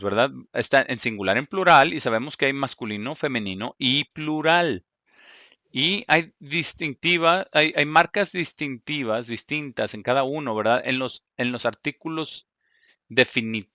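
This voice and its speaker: A man preaching a teaching sermon, halting and repeating words, often checking in with his listeners. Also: mid-range voice, pushed and bright, dry recording, clean studio sound. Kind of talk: sermon teaching Greek grammar.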